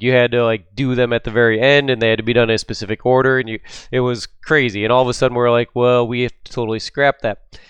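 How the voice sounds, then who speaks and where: A middle-aged man hosts his own podcast, talking casually and upbeat with plenty of ums. His mid-range voice sounds a little stuffed up, and the recording is clean and dry.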